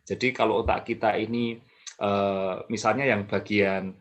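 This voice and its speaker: Calm explaining man, mid-pitched. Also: normal speed. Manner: calm, explanatory, many fillers and restarts. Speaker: mental health expert guest. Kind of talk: explanatory talk.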